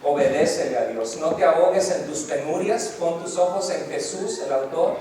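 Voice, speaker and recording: A man's voice: on the high side, moderate pace, warm tone. A man pastor preaching a fervent Sunday sermon, building emphasis through repeated phrases, in a church sanctuary. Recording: echoey church hall, distant mic, faint noise.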